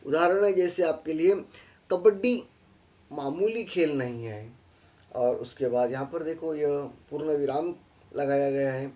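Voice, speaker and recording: A man with a fairly high voice gives a classroom lesson over slides. He explains patiently, repeats the key points and fills his pauses with short hesitations. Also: a little mellow. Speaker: teacher.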